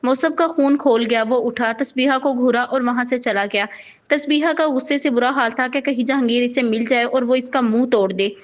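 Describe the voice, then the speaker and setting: A woman reads a romantic novel aloud in a steady, even manner. Her voice sits high. The recording is dull and lo-fi. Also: normal speed. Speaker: narrator. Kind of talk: storybook novel narration.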